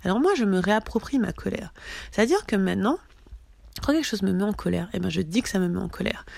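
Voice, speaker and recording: A woman's voice: medium pitch, lively intonation, quick pace, creaky, darkish tone, dry recording. A woman coach giving a casual, blunt motivational talk, emphatic and swearing freely. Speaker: coach leading a group challenge.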